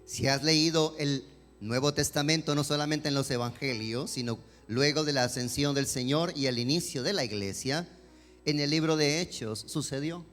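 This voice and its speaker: A man preaching a sermon as a pastor, swinging between emphatic questions and softer pleading. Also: a little high, normal speed. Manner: preaching with rising emphatic questions and dramatic quoted voices. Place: church sanctuary. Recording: long church hall reverb with music behind.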